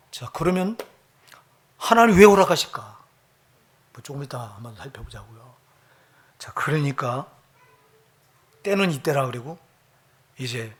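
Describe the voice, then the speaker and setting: Pastor guy preaching hard, keeps asking the congregation stuff, voice a bit on the high side. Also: pushed and bright. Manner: emphatic, asks the congregation questions. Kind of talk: sermon.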